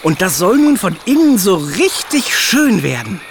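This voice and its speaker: An actor playing Hugo, an excitable, fretful animal in a children's audio drama, talking in a rush of worry. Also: male voice, sits high, a little slow, gravelly, exaggerated voice. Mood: storytelling. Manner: anxious, excitable, eager. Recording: audible background noise.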